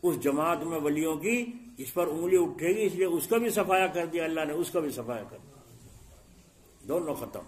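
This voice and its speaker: Man preaching with rhetorical questions. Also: a little high. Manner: rhetorical questions to the congregation, acts out scenes with sharp shifts in loudness. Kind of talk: Islamic sermon.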